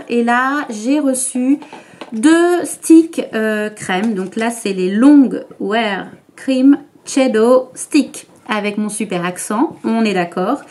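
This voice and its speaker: A woman beauty vlogger explains her makeup step by step to the camera in a relaxed, chatty way. Her voice sits a little high, and she speaks slowly. She often stops for fillers and restarts her sentences. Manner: chatty, hesitant with many fillers. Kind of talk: makeup tutorial talk to camera.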